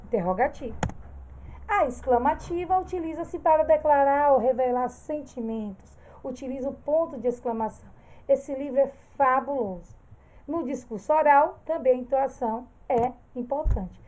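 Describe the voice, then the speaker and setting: A woman's voice: sits high, normal speed, mellow. A woman teaching a grammar lesson, explaining step by step and often checking that her students follow.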